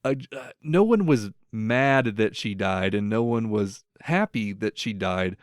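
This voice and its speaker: His voice is on the low side and animated, kept at a measured pace, as this young American podcast host rambles through casual stories full of "like" and other fillers. The studio sound is clean, with no room noise.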